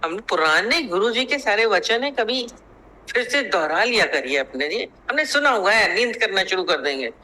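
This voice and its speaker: A man's voice: high-pitched, sing-song, normal speed, bright, forceful tone, low-quality recording. A man giving a spiritual discourse as a teacher. He tells stories, acts out their dialogue, and repeats phrases to press his point. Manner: storytelling, acting out quoted dialogue.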